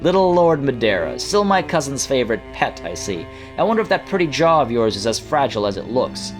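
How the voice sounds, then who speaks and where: A man reads as a haughty young noblewoman, a video game villain who sneers and threatens grandly. The pitch sits in a medium male range, with faint music behind. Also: very animated, a little fast, close to an everyday voice. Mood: sneering, menacing. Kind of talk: video game dialogue read aloud.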